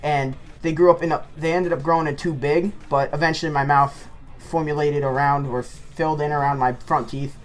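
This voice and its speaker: A man's voice: a little high, normal speed. Rambling male gameplay commentator. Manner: rambling, animated anecdote-telling. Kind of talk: casual storytelling commentary.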